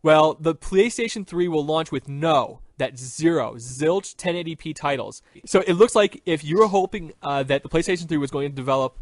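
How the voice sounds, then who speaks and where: A man's voice: a little high, animated, moderate pace, hardly any pauses, no echo. Man reading game news on a podcast. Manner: reads news items, breaks into laughter. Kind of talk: casual gaming podcast news.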